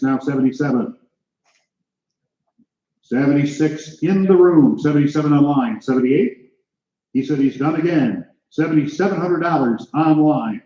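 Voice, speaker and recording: A man's voice: fairly high pitch, mellow. Echoey American male auctioneer calling bids. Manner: auctioneer's patter, clipped numbers and repeated calls to bidders. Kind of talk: live auction calling, rattling off climbing bid numbers. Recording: echoey room, slightly dull sound.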